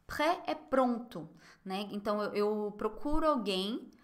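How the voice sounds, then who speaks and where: A French teacher with a Brazilian Portuguese accent gives a live online lesson, explaining phrases and slowly modeling their pronunciation. Her mid-range voice has lively intonation.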